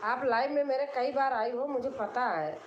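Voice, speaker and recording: A woman's voice: sits high, normal speed, echoey room, muffled recording, a little hiss or hum. A woman from Allahabad, hosting a casual live stream and answering comments in an insistent, repetitive way, explaining herself. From Allahabad, India.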